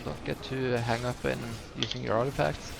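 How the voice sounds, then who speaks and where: Male gamer, nasal with a noticeable lisp and vocal fry, hesitant casual guide commentary over clearly noisy audio with typing. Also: mid-range voice, steady tone, a little fast. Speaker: gamer giving a healer guide. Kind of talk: casual game walkthrough commentary. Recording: clear background noise, keyboard typing.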